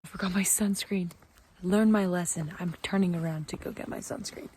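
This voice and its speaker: A young woman talking to her camera in a casual, chatty, excitable way while out on a mountain hike. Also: fairly low pitch, brisk. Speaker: vlogger. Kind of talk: casual hiking vlog. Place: outdoors on a mountain trail.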